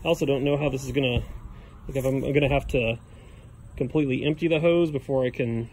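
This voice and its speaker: A man's voice: mid-range voice, steady tone, fast talker, a little mellow. A man in his thirties hosting a home maintenance vlog, talking plainly with fillers and restarts, filmed on a phone at arm's length outdoors in a suburban yard. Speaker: home maintenance channel host. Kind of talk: casual how-to vlog. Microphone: phone camera at arm's length. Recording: outdoor phone audio with clear background noise.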